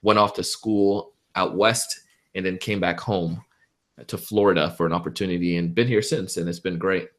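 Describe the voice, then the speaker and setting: A low-voiced man who grew up in Jamaica speaks as the guest in an interview over a video call. He talks with enthusiasm and energy, like a practiced speaker telling his story. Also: fairly even intonation, normal speed. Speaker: public speaking champion guest. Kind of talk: webinar interview.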